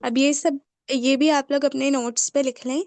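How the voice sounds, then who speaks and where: High dry-voiced Pakistani Urdu-accented woman teacher. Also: steady tone, a little mellow, dry recording. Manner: calls on students by name and asks short questions. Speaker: class assistant teacher. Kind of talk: online class quizzing students by name.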